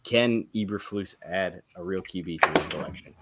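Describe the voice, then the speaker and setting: A man's voice: sits low, moderate pace, pushed and bright. A man co-hosting a casual sports podcast, talking directly and quizzing the others. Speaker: podcast co-host.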